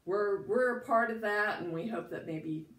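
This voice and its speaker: A woman with a croaky, froggy voice from a head cold, giving casual interview answers about her work. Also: medium pitch, normal speed, a bit bright. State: has a cold. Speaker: free clinic director, interviewee. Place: indoors at a clinic. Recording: echoey room, distant mic.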